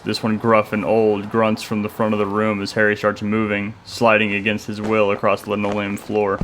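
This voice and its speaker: A man reads a dark story aloud with a low voice that barely rises or falls. His delivery is steady and measured, calm even through tense scenes. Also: noisy background. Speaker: narrator. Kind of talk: scripted story narration.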